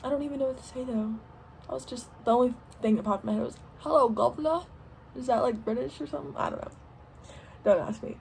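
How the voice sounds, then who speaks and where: A young woman with a Southern country accent answering questions in a relaxed home Q&A, filling pauses with lots of ums and likes. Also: fairly high pitch, creaky, a little hiss or hum. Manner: chatty, many ums and likes. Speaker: vlogger. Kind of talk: casual Q&A while doing makeup. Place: home, indoors.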